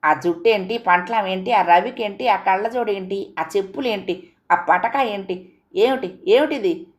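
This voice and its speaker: A woman's voice: mid-range voice, close to an everyday voice. A woman reads an exasperated village father who fires off scolding questions about his son's looks. It is a storybook telling. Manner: rapid-fire scolding.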